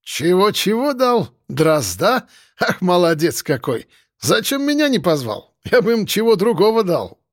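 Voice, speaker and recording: A man's voice: high voice, big pitch swings, unhurried, no echo, clean studio sound, pitched above the performer's own voice. A male narrator voicing a stocky, cheerful young man who speaks with a strong accent and teases playfully. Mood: teasing. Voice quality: strong juicy accent, teasing. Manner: playful, exclaiming. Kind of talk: audiobook character voice.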